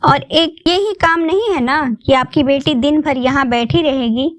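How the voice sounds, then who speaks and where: A woman voicing a young husband who calmly defends his wife to his mother. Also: sits high, moderate pace, natural voice. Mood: firm.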